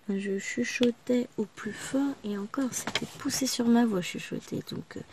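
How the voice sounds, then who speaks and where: A woman vlogger chats casually and rambles to her viewers, full of small asides, her voice still breaking now and then after losing it. She speaks at a fairly high pitch and moderate pace against a noisy background.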